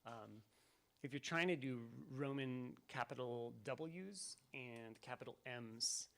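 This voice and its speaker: A game developer giving live commentary to an audience, talking in a thoughtful, rambling way with many ums and restarts. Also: male voice, mid-range voice, takes it slowly, a bit bright. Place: event venue with audience.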